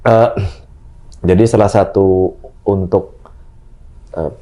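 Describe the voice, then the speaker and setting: Seorang dokter laki-laki yang menjelaskan pemeriksaan kesehatan dengan tenang dan sesekali ragu. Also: male voice, low-pitched, slow pace, a crowd in the background. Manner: calm, explanatory, with hesitations. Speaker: doctor. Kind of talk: medical explanation.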